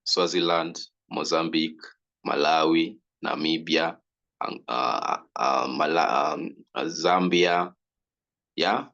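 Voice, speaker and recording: A man hosting an online conference, speaking informally and haltingly with restarts. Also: sits low, a bit bright. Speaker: conference host. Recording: muffled online call audio.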